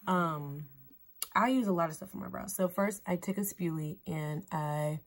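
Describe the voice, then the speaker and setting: A woman with a fairly low voice walks viewers through her makeup routine in a relaxed vlog. She keeps it chatty and playful, dropping slang and jokes as she goes. She sounds like she is talking indoors in front of a mirror. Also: moderate pace, soft background music. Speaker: beauty vlogger host. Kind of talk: casual makeup tutorial chat.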